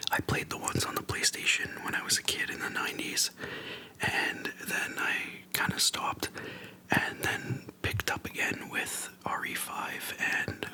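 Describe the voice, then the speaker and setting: This is an ASMR creator in a low-quality recording, talking in a breathy, soft whisper very near the microphone. The chat is casual and slow, made of brief, gentle phrases broken by pauses.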